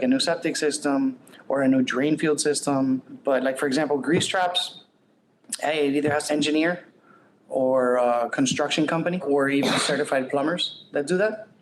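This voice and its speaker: A man's voice: on the high side, steady tone, moderate pace, a little hiss or hum, rough recording. A man who runs a septic service, talking informally in a podcast interview in a plain, rambling way. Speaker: septic service owner-operator.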